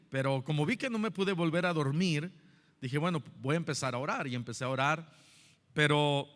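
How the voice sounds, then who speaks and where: A man's voice: on the high side, fairly bright tone. A middle-aged man preaching a Sunday school sermon as pastor, telling personal stories in a conversational way with many fillers and restarts. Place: church hall. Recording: long hall reverb.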